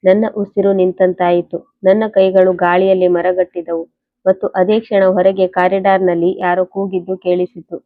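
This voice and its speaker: A woman narrating a scripted first-person story in an even, measured reading. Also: on the low side, no room sound. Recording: dull lo-fi recording.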